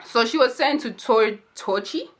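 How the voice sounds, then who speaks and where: A woman's voice: a little high, a little slow. A young woman telling a true crime story to camera in a casual, chatty way, full of "like" fillers and slangy asides. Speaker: true crime and makeup YouTuber.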